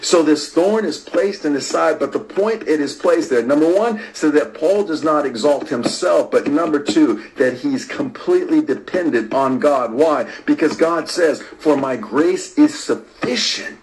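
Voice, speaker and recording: A man preaching a sermon, repeating phrases for emphasis and swinging between loud stress and near-whispers while talking to online viewers. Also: a little high, a little slow, few pauses, a little hiss or hum, low-quality recording. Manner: repetitive and emphatic, rising to stress and dropping to a hush.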